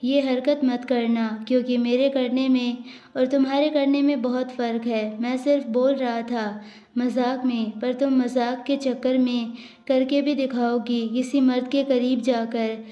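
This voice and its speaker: A woman's voice: high-pitched, little pitch movement, measured pace, highs cut off. A woman voicing a possessive young husband. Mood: cold. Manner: coaxing, pleading apologies. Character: young husband, teasing, possessive, turns cold.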